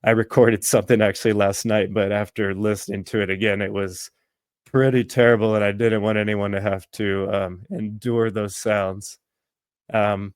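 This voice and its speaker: Low, flat-voiced man hosting a podcast. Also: smooth, dry recording. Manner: halting, many ums and restarts. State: losing his voice from allergies. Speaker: podcast host. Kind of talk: casual sports podcast talk.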